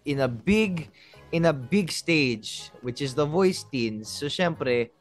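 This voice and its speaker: A Filipino co-host chatting playfully in a mix of Tagalog and English, now and then bursting into loud laughter. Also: mid-range voice, animated, slow pace, soft background music. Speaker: online show co-host. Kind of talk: lively chat mixing Tagalog and English.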